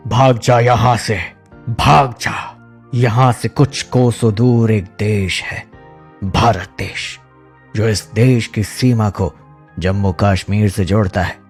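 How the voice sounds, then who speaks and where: A man voicing a solemn divine voice from the sky in a cartoon, slow and commanding. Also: lowish voice, fairly even intonation, faint music behind. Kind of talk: cartoon voice acting.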